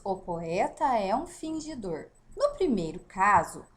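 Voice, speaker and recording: A Brazilian woman teaching a literature lesson with a fairly high voice that moves all over the place. She speaks slowly and patiently, tosses out rhetorical questions, and keeps checking that her students follow. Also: a little mellow. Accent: Brazilian Portuguese. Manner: explanatory, with frequent rhetorical questions and "né?" check-ins. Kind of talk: recorded lesson on poetry.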